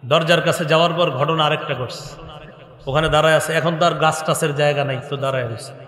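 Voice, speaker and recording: A man's voice: on the high side, steady tone, fairly quick, fairly bright tone. A man preaching a storytelling sermon, quoting Arabic in a chant and calling out questions to the crowd. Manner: storytelling with call-and-response to the crowd. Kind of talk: Islamic sermon (waz). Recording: echoey PA with long reverb.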